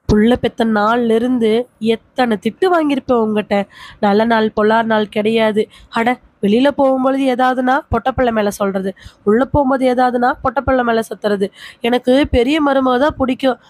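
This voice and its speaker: A woman's voice: on the high side, fairly even intonation, a little mellow, dry recording, natural voice. A woman voicing a bitter young village wife, accusing her in-laws in a storybook reading. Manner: accusing, reproachful, rapid questioning. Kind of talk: audiobook character reading.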